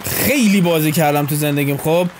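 A man's voice: fairly high pitch, noisy background. A man streaming, giving casual, joking reaction commentary on game footage, playful and crude. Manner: joking, playful, swears freely. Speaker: gaming streamer.

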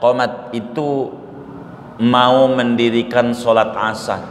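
A gentle, patient mother cow answers her calf in a soft, lowered, tender voice, as a male preacher puts her on. The sound carries a long hall reverb and a faint hum behind it. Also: flat delivery, takes it slowly, close to an everyday voice. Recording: echoey hall with faint noise.

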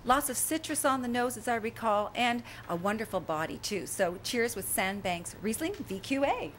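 Bubbly, fairly high-voiced woman co-host. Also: lively intonation, moderate pace, slight background noise. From Canada. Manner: bubbly, laughs often. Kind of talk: talk show hosting.

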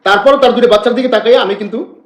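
A man rants on a live stream, circling back and repeating himself. His voice sits high and his words tumble out quickly. The room adds a noticeable echo. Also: fairly bright tone. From Bangladesh. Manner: agitated, repetitive, rambling. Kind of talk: emotional live-stream complaint.

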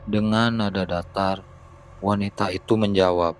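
A man narrating a horror story in a slow, measured storytelling voice. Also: low-pitched, steady tone, a little hiss or hum, low-quality recording.

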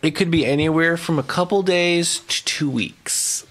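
A man's voice: a little high, measured pace, a bit bright. A man acting as game master, narrating a tabletop game in a casual way.

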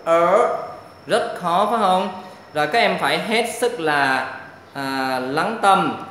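A man teaching pronunciation, patiently drilling syllables and repeating each one loudly. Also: fairly high pitch, slow. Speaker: language teacher. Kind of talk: pronunciation lesson. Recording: very echoey room, faint background noise.

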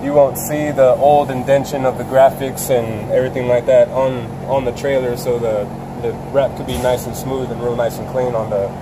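A man in his thirties, a vinyl wrap installer, explaining his work in a relaxed, plain way in a large RV service shop. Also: mid-range voice, normal speed, few pauses. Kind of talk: casual interview answers. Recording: noisy shop background.

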